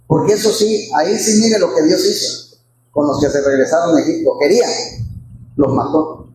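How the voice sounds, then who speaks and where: A man's voice: on the high side, animated, normal speed, darkish tone. A man preaching a Sunday sermon, fervent and repeating his phrases, calling his listeners brothers. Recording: very echoey hall, faint background noise.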